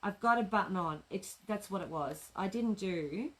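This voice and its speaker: Streaming live on a tablet from her home, a craft shop owner demonstrates sewing, chatting with viewers, responding to their comments, and muttering to herself. She has a medium-pitched, somewhat bright voice and speaks at a moderate pace. The recording quality is low.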